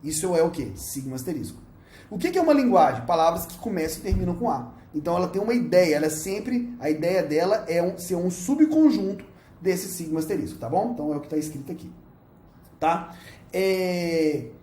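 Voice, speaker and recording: A Brazilian man lecturing at a university, with lively pitch that jumps up and down as he explains. He talks in a playful, animated way and keeps checking that students follow. The room around him echoes. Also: brisk. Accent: Brazilian Portuguese. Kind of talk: recorded lecture.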